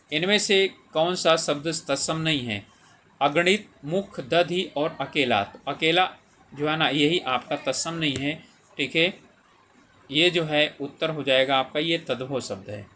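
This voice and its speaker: A man's voice: fairly high pitch, pushed and bright, slight background noise. A man explaining exam answers as a teacher, reading out the questions and options with frequent fillers. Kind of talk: exam paper solution lesson.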